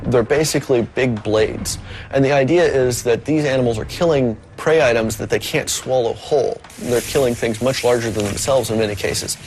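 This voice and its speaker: A man's voice: mid-range voice, normal speed, a little mellow, faint music behind. A man explaining as an expert interviewee in a nature documentary.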